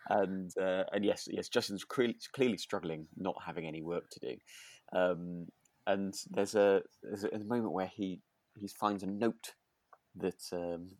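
Chatting loosely about a radio drama, this male podcast co-host comes across as hesitant, agreeable, and prone to rambling. He speaks unhurriedly in a voice that sits low, with no echo on the recording.

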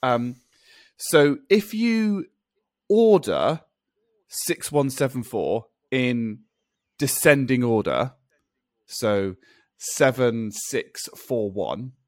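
A man's voice: medium pitch, very animated, drawn-out words, long pauses, no echo, clean studio sound. A man co-hosting a podcast in casual chat, rambling and laughing often as he explains things. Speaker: podcast co-host.

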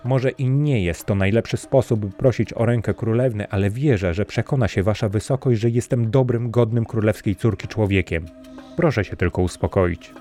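A gentle, earnest young prince, as a male narrator reads him, speaking calmly and with courtesy. The voice sits deep and low. Faint music plays behind this storybook reading. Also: moderate pace, lightly acted. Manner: calm, courteous and sincere.

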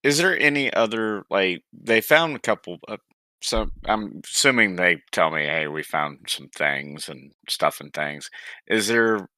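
A man's voice: sits low, animated, measured pace, sharp tone, no echo. A man talking casually as a player at a tabletop roleplaying game.

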